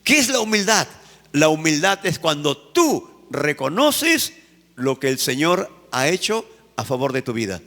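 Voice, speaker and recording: Man, pastor, emphatic sermon, repeats phrases, high voice, long church reverb. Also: big pitch swings, unhurried, pushed and bright.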